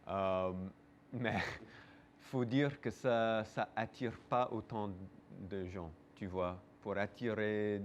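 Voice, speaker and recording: A man's voice: on the low side, steady tone, slow pace, a little hiss or hum. A man giving hesitant, explanatory answers in a casual interview. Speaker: museum interviewee.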